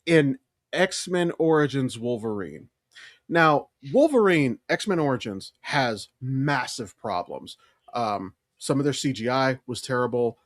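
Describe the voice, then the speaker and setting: Clean studio sound with no room sound captures a man's mid-range voice as he co-hosts a podcast. He talks casually and opinionatedly about films, giving blunt, emphatic takes full of profanity.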